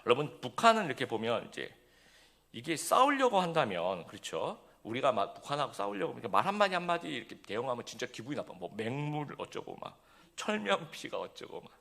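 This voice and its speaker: Gravelly, lively male pastor preaching. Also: medium pitch, brisk. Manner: conversational preaching with frequent fillers and rhetorical questions. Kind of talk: sermon.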